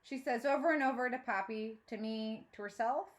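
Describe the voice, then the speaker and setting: Reading a children's novel to listeners like a teacher, this woman speaks at a normal speed in a slightly high voice. Her first-person narration is expressive, and she performs each line of dialogue.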